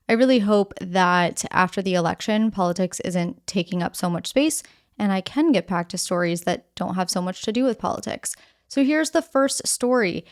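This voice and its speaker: A woman's voice: mid-range voice, clean tone. A woman hosting a news podcast, explaining the day's stories in a conversational, direct way and walking through them step by step.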